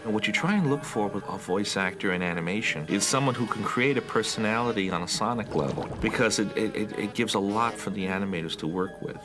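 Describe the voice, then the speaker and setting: Low-voiced man in an interview. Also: fast talker, few pauses, music in the background. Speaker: film industry professional. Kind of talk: explanatory interview.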